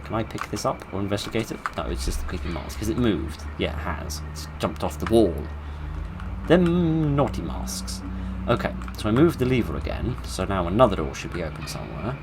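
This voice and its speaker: This British gamer's fairly low voice swings widely in pitch as he briskly narrates a horror game, reading its story and commenting casually with dry, tongue-in-cheek wit. Background noise is audible.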